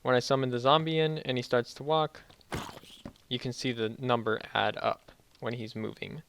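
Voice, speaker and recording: A young man giving a casual, halting game tutorial, speaking slightly muffled and carefully, as if sore after dental work. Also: mid-range voice, level tone, gravelly, fairly bright tone, a little hiss or hum. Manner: halting, self-correcting explanations. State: sore mouth after wisdom teeth removal, slightly muffled careful speech. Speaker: tutorial video host.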